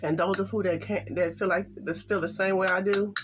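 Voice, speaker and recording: An older woman chatting casually to camera while eating, halting and soft-spoken, with some stutters. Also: mid-range voice, fairly even intonation, noisy background. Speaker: mukbang vlogger.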